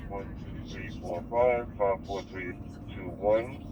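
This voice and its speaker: This is a man's voice heard over a walkie-talkie, played back through the handset's speaker rather than spoken into the room. He has a lowish voice and calls out a routine radio check, counting up to five and back down. The delivery is matter-of-fact, an amateur radio operator testing his signal. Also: slow, recorded from a distance, lo-fi sound, background noise. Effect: heard played back through a handheld radio speaker.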